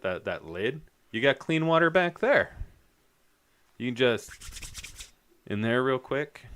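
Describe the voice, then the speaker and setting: A man streaming a horror game live, joking and chatting with his viewers in a relaxed way. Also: medium pitch. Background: game music.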